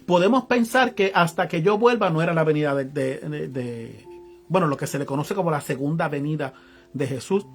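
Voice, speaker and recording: Greeting viewers online, an evangelist preacher with a Puerto Rican accent reads Bible verses aloud in his sermon and then explains them in casual everyday slang. His voice is on the high side with a breathy edge.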